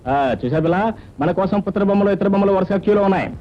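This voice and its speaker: A man's voice: high-pitched, fast, a little hiss or hum, close to an everyday voice. An actor playing a playful, teasing young man who dotes on his sweetheart in an old film dialogue scene. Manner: teasing, affectionate, lively. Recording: dull lo-fi film soundtrack, faint music.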